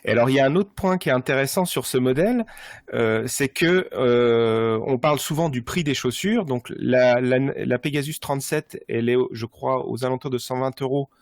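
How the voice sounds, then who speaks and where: A man at an ordinary pitch walks through running gear in a relaxed podcast chat. He hesitates often and restarts his sentences. The recording is close and dry. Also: normal speed, no echo. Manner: explanatory, many hesitations and restarts. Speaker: running gear expert guest. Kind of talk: casual podcast conversation.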